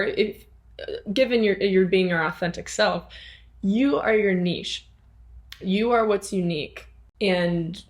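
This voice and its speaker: A young woman hosting a solo podcast in an earnest, encouraging, chatty way, often restarting her sentences and asking rhetorical questions. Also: mid-range voice. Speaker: podcast host. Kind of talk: casual solo podcast talk.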